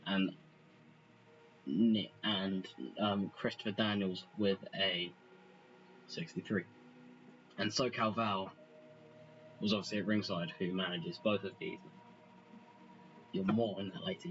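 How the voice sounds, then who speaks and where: A man with a fairly low voice talks through a game in a loose, rambling way, poking fun at himself as he goes. Soft music plays quietly in the background. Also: highs cut off. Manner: rambling, self-deprecating, chatty. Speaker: let's play host. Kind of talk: casual game commentary.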